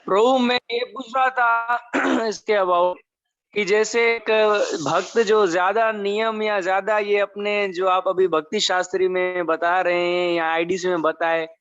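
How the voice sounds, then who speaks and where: A man's voice: high-pitched, fairly even intonation, a little slow, a bit bright, lo-fi sound. A man politely asking his teacher a question during an online class, in hesitant run-on phrasing. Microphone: video call.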